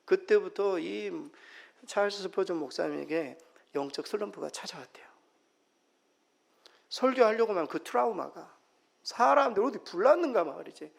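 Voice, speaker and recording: Gravelly high-voiced Korean pastor preaching. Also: male voice. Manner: emphatic, swings between loud exclamations and soft near-whispers. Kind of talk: sermon. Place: church sanctuary. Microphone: microphone.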